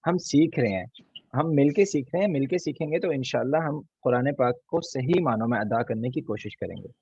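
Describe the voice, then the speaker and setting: A man teaching an online recitation class, patiently repeating each letter slowly so students can copy him. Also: medium pitch, expressive, darkish tone, slightly rough, no room sound, highs cut off. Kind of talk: online tajweed class lesson.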